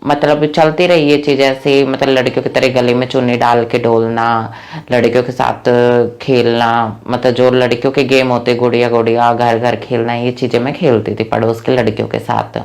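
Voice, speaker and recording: This young adult woman from Rohtak, Haryana, India, is an interviewee telling her life story to camera in a plain, earnest way, with many fillers. Her voice is very deep and darkish, her delivery flat, and her pace moderate.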